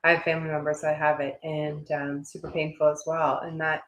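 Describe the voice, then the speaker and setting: A woman host with a low voice chats casually. She affirms what she hears warmly, and her voice carries a roomy echo. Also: little pitch movement, brisk. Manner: warm, affirming. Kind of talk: casual chat.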